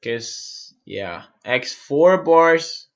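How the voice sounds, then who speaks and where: A man from Austria, muttering to himself while he works through a software build on a live-stream tutorial and answering viewers' questions. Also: medium pitch, sing-song, drawn-out words, muffled recording.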